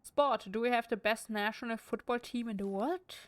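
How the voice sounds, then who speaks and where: A woman's voice: fairly high pitch, moderate pace, no room sound. A woman with a German accent streaming a game at home, reading in-game text aloud with wry, chatty asides.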